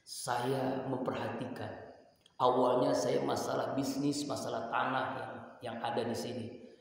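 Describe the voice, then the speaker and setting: A man voicing a wealthy man, humbled and pleading softly, as part of a sermon story. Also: mid-range voice, level tone, unhurried, creaky, a little hiss or hum. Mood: earnest. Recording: echoey hall from far off.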